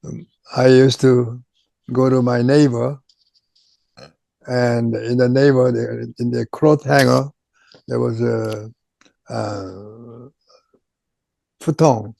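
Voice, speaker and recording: For an oral history interview, an older man from Japan, a native Korean speaker with a Korean accent, haltingly recalls working as a chemistry professor, pausing and repeating words often. His mid-range voice stays nearly flat in pitch, creaky and a little mellow, in a dry recording.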